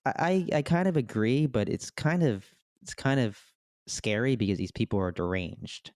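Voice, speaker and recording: A man co-hosting a casual podcast, talking in an animated way with quick asides and restarts. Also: mid-range voice, no room sound, clean studio sound. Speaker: podcast co-host.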